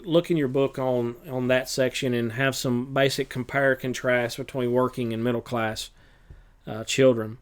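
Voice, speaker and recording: Smooth-voiced male teacher reviewing notes. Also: mid-range voice. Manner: relaxed, with many filler uhs. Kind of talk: recorded review lesson.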